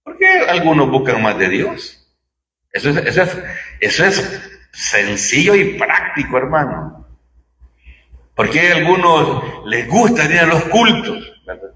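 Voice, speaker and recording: Guy preaching in church, slow and easygoing, lots of rhetorical questions, long echo off the walls. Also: fairly high pitch, big pitch swings, bright, forceful tone, slight background noise. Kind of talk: sermon. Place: church hall. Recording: echoey church hall.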